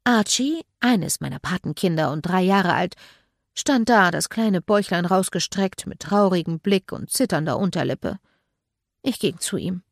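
A woman reading a first-person audiobook in a lively, expressive storytelling manner. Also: on the low side, normal speed, creaky, dry recording, studio quality. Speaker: audiobook narrator.

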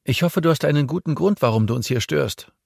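Man voicing a tense impatient young woman, strained raised voice, husky, close dry sound. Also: fairly high pitch, animated, brisk, a little mellow, no echo, pitched above the performer's own voice. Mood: gereizt.

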